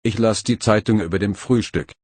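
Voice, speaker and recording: A man reads practice phrases for learners one at a time, his somewhat low voice carrying a husky, breathy edge. He goes slowly, evenly, and carefully, pausing after each phrase. The recording is dry and close, with no room sound.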